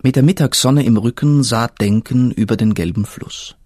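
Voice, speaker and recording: Husky man reading a fairy tale. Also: medium pitch, darkish tone, no echo, studio quality. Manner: slow, measured storytelling. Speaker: narrator. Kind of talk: scripted fairy-tale narration.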